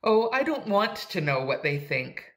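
Woman reader doing a bubbly slangy girl, teasing, voice pitched up. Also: big pitch swings, unhurried, fairly bright tone. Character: lively teasing young woman, bold and slangy.

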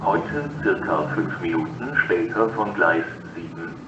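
A low-voiced man gives a flat platform announcement. His delivery is formal, segmented and slow. The sound comes a distant station loudspeaker, echoey and clearly noisy. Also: lo-fi sound.

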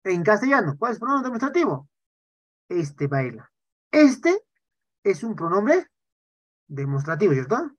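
A man teaching a live online Quechua class. He talks in an animated way and keeps checking in with "¿ya?" and "¿no?". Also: high-pitched, moderate pace, no echo. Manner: animated, tags sentences with "¿ya?" and "¿no?". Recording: dull lo-fi online class audio.

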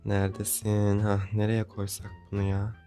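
A man's voice: lowish voice, completely flat delivery, normal speed, dark tone, soft background music. A young man giving casual gameplay commentary, pleading with and grumbling at the game as he spins for prizes. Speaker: gaming YouTuber.

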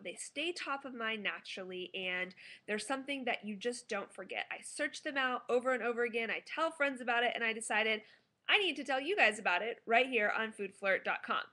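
A woman's voice: on the high side, sharp tone. A woman in her thirties giving a casual, enthusiastic food review to camera at home as a food blogger. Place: small living room at home, indoors.

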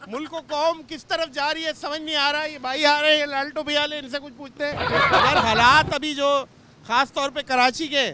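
Brief: high-voiced male prank reporter, taunting, loud street traffic behind. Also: steady tone, moderate pace. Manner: rude, mocking, picks fights with passersby. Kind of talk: mock street interview prank. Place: busy city street outdoors.

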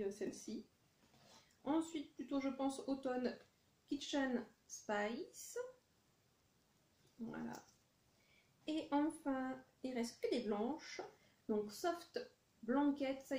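A vlogger showing off a haul, this French-speaking woman has a slightly high voice with a dark tone, heard in a reverberant space. She talks casually and hesitantly with many fillers, purposely pronouncing English product names in a French accent.

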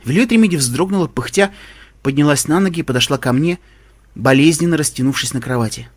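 A man reading a first-person audiobook in an expressive, emotional way. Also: on the high side, fast. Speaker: audiobook reader.

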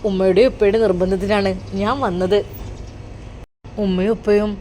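A shy, polite young man talks quietly and hesitantly, as a woman puts him on. The voice sits lower than her own, with a faint hiss of background noise. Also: little pitch movement, moderate pace, natural voice. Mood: subdued. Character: polite, subdued young man, visiting brother.

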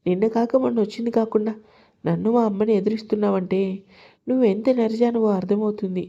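A woman's voice: medium pitch, steady tone, fast talker, mellow, lightly acted. A woman voicing a proud married daughter who scolds her sister-in-law sternly. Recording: lo-fi dull sound.

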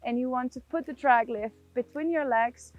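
A woman's voice: high voice, normal speed, no room sound, muffled recording. A young woman, a ski instructor, explaining technique step by step in an outdoor tutorial. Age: young adult. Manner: step-by-step, often checking with "yeah?". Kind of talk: instructional tutorial presented to camera. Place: outdoors on a snowy ski slope. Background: background music.

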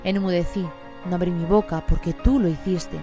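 A woman reads a psalm aloud in a fairly low voice. Her delivery is solemn, measured and even. Music plays clearly behind her throughout. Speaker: scripture reader. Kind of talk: solemn scripture reading.

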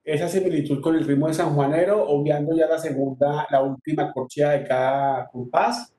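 Colombian man teacher, high voice, counts and chants rhythms, echoey room with guitar. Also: fairly even intonation, normal speed, dark tone. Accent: Colombian Spanish. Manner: counts beats aloud and chants strumming patterns. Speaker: music teacher. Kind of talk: online workshop lesson on tiple rhythms.

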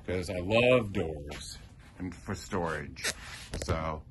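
A middle-aged man speaks slowly in a low voice, rambling casually through a show-and-tell of his prop box at a theater prop shop. He lists the tools with frequent ums and uhs, and a little background noise can be heard.

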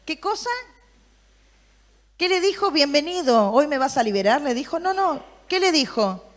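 A woman's voice: sits high, normal speed, long reverb tail. A woman preaching to a youth group, reading Bible verses and asking the listeners questions. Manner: lively, asks the room questions, reads Bible versions aloud.

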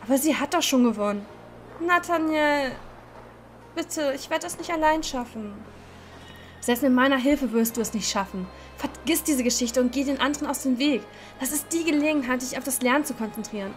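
A fairly high, playful woman reads a dating game aloud and gives a voice to every character. Soft music plays underneath. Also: normal speed. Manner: playful, laughing at her own slips. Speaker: let's-play host.

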